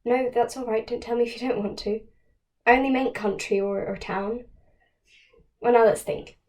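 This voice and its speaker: A woman playing an anxious, fragile woman who pleads haltingly down a telephone. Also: fairly high pitch, fairly even intonation, darkish tone, lightly acted. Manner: halting, pleading phone talk. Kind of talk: stage monologue, one side of a phone call.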